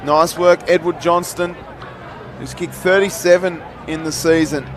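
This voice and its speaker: A man with an Australian accent calling a live football match, excitable and shouting at big moments. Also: on the high side, unhurried. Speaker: sports commentator. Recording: outdoor ground with loud crowd and noise. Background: crowd and outdoor noise.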